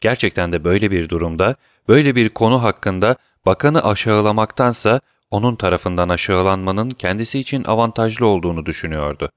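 A man narrating a classic novel in a measured, scripted reading. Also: on the low side, no room sound, clean studio sound. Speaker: audiobook narrator.

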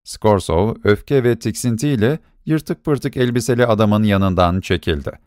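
A man narrating a short story in a measured reading voice. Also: on the low side, darkish tone, dry recording, studio quality.

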